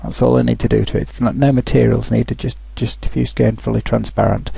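Gravelly, husky man. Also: mid-range voice, little pitch movement, fast, warm tone, dry recording, rough recording. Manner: thinking aloud with frequent restarts. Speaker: software tutorial maker. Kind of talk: screen-recorded tutorial narration.

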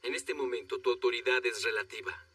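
A driven expedition leader. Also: male voice, mid-range voice, brisk, sharp tone, distant mic. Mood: insistent. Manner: persuasive, insistent. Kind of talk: dubbed film dialogue.

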